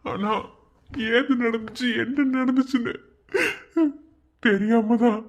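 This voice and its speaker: A man's voice: very high voice, fairly even intonation, slow pace, highs cut off, exaggerated voice. A man voicing an earnest teenage schoolboy in a cartoon, patiently explaining and protective of his friend. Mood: reflective. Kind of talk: cartoon voice acting.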